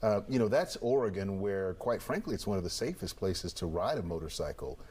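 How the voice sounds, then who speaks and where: A man's voice: low-pitched, lively intonation, brisk, a little mellow, breathy edge. A man of fifty-nine speaking as an interview guest, conversational, plain-spoken and folksy.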